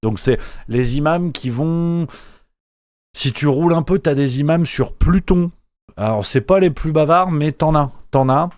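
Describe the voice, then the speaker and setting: A man's voice: a little high, measured pace, darkish tone, dry recording. A man hosting a satirical news show, mocking and sarcastic, rambling with lots of fillers. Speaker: show host.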